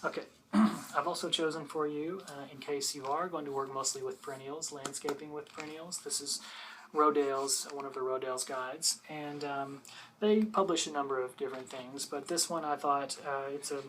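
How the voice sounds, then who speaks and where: A person doing an ASMR role-play as a patient, bookish librarian, softly and hesitantly explaining books to a visitor in a unhurried library soft voice. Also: medium pitch, fairly even intonation, slight background noise, low-quality recording. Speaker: librarian showing gardening books.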